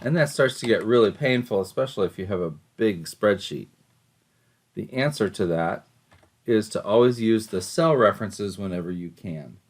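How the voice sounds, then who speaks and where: Low-pitched man teaching step by step. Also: animated, moderate pace. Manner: informal, step-by-step explaining. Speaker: instructor. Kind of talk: software tutorial walkthrough.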